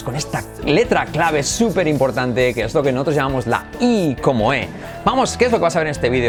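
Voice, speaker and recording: A man with a Spain Spanish accent teaching English pronunciation in an energetic video lesson, often switching into English to model how words sound. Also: mid-range voice.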